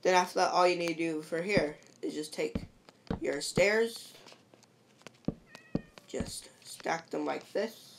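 She speaks slowly in a creaky, lowish voice, pausing often as she walks through building a game one step at a time. Her patient tutorial voice-over is sprinkled with "see?" and "perfect," recorded at home with noise and clicks.

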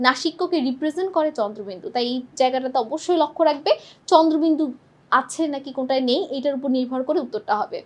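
A woman's voice: high voice, fast. A young woman teaching an exam-prep lesson, quizzing her students and answering her own questions.

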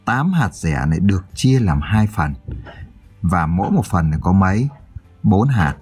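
A man's voice: low-pitched, very animated, a little slow, darkish tone, husky, faint music behind. A male teacher giving a primary school math lesson, counting aloud and asking his pupils check questions.

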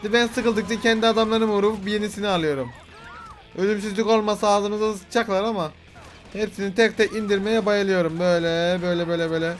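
A man's voice: high-pitched, steady tone, quick pace, a little hiss or hum. A young man doing playful, boastful gameplay commentary, joking and swearing at the game characters. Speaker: gaming video host.

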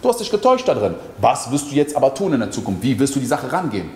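In an echoey hall with faint ambience, a man working as a mindset coach speaks quickly in a mid-range voice with huge swings in pitch. His motivational monologue addresses the listener directly, driven by emphatic rhetorical questions.

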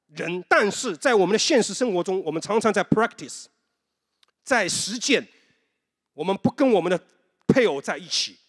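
Male pastor, high voice, conversational storytelling sermon with rhetorical questions, echoing church hall. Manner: mixes in English terms. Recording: long hall reverb.

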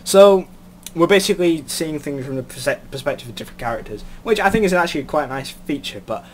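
A man's voice: on the high side, expressive, quick pace, slight background noise. A man hosting a casual let's-play of a visual novel, making jokey, self-amused asides. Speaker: gaming channel host.

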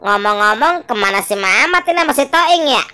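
A performer voicing Dule, a male ondel-ondel puppet from a Jakarta puppet show, fussing anxiously over a crying baby and hushing it in a sing-song voice, with a Betawi Jakarta accent. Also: medium pitch, animated, brisk, clear, resonant tone. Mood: fretful. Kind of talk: puppet show play-acting. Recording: music playing behind.

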